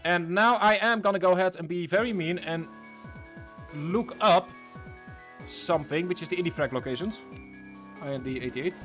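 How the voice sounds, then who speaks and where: A man chatting through a game stream, rambling and breaking off mid-thought. His voice sits a touch high. Soft game music plays underneath. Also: normal speed, long pauses. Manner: chatty, rambling, self-interrupting. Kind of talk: casual gameplay commentary.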